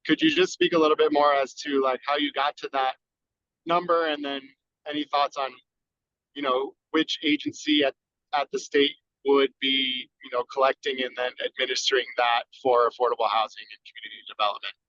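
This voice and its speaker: A man calling into a meeting from his car while driving, politely asking a question over the phone. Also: brisk. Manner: polite, even, businesslike questioning. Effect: phone speaker from a moving car. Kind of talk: casual video-call question. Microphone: phone on a video call, camera off. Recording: dull lo-fi call audio with faint road rumble. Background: faint car rumble.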